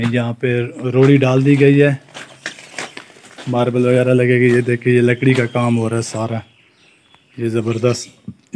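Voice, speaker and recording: A man's voice: medium pitch, a little mellow. A young man from Pakistan with a Saraiki-region Urdu accent, giving an eager vlog tour of a farm and building site, speaking into a phone held at arm's length outdoors. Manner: enthusiastic, repeats phrases like "look at this". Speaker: vlogger. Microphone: phone camera, selfie at arm's length.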